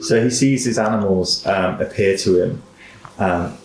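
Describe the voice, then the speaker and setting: A man narrating a tabletop game as game master, casually and haltingly, among friends. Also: low-pitched. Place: indoor room, in-person group session. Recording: echoey room, clear background noise.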